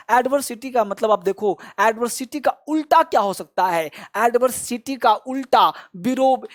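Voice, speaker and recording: Man, English teacher, exam-prep lesson, fairly high voice, repeats questions, pushes for quick answers.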